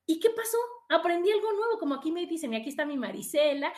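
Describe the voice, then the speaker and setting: A podcast host with a Mexican accent chats casually, animated and often acting out what people say, with frequent tag questions. Her voice is extremely high-pitched and she talks fast.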